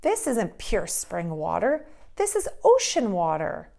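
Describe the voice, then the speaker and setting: A woman's voice: mid-range voice, huge pitch swings, slow, creaky, warm tone, full character voice. A woman voicing a stern, weary woman elder who speaks emphatically in a storybook read-aloud.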